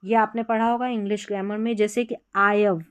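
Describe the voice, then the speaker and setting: A woman with an Indian accent teaching an exam-prep grammar lesson, explaining step by step and repeating examples slowly. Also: mid-range voice, level tone, smooth, dry recording.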